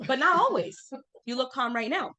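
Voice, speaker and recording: A woman's voice: sits high, animated, moderate pace, bright, forceful tone, muffled recording. A woman in her thirties teaching an informal class, chatty and full of fillers, asking the group questions as she goes.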